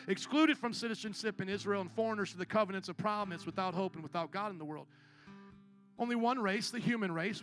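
A male pastor delivers a sermon, calling out to his congregation for responses. He moves from low, quiet passages up to loud, shouted peaks.

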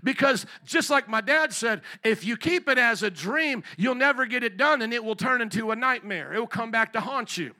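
A pastor preaching a sermon into a pulpit microphone in a church, calling out to the congregation for amens. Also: male voice, extremely high pitch, expressive, normal speed, few pauses, sharp tone. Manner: emphatic call-and-response preaching. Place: church sanctuary.

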